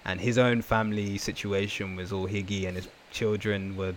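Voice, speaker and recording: A low-pitched man talks casually as a podcast panelist. He speaks in street slang and drives points home by repeating himself. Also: flat delivery, normal speed, a little hiss or hum. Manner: emphatic, repeats phrases.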